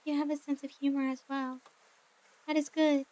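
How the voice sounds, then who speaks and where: A woman voicing a tall, composed female witch who speaks in a cool, measured, formal way. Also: high voice, natural voice. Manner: calm, measured, formal phrasing.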